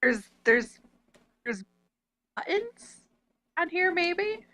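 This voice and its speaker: Slow, bright-voiced woman player. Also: extremely high pitch, very animated. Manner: playful, slow and giggly. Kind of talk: casual tabletop role-play.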